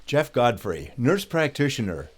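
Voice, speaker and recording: A man's voice: mid-range voice, sing-song, unhurried. A nurse practitioner being interviewed, a man speaking with exuberant enthusiasm.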